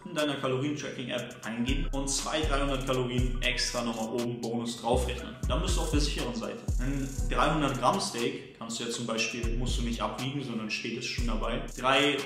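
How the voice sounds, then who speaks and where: Man, fitness coach, brisk and structured, mid pitch, very echoey room, music playing underneath. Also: fairly even intonation. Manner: brisk, structured, poses questions then answers them. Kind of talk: direct-to-camera advice video. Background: background music.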